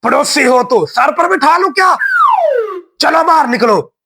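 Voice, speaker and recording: A man's voice: very high voice, lively intonation, measured pace, creaky, sharp tone, exaggerated voice. A man voicing a short-tempered father in a cartoon, angry and scolding. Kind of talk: cartoon voice acting.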